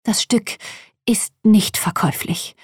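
A woman reading aloud, voicing an older female shop owner who speaks slowly and partly in a whisper. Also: medium pitch, slightly rough, no echo, clean studio sound, pitched above the performer's own voice. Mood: guarded. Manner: slow and hushed, partly whispered. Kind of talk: storybook reading.

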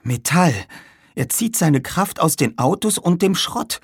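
A man voicing a sharp-tongued girl apprentice mage in a high, tense storybook voice. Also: sing-song, unhurried, creaky, slightly rough, dry recording, clean studio sound, exaggerated voice.

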